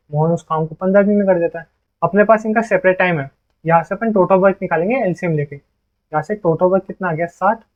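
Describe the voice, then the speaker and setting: A man's voice: high-pitched, muffled recording. A man teaching maths, solving exam questions step by step and answering his own questions as he goes. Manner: explains aloud, asks and answers his own questions, reads English questions slowly.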